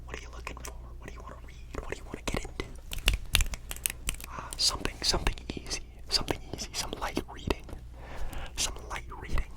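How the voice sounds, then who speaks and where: A person playing a casual, slightly pushy librarian in an ASMR whispered role-play, speaking in a hushed library whisper and often repeating phrases. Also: fast, lightly acted, poor audio. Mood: hushed, helpful.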